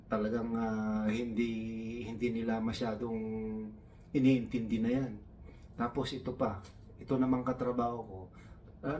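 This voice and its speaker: A man's voice: medium pitch, a little mellow, distant mic, a little hiss or hum. A man from the Philippines doing stand-up storytelling, taking on his coworkers' broken English in a raised voice. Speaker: comedian.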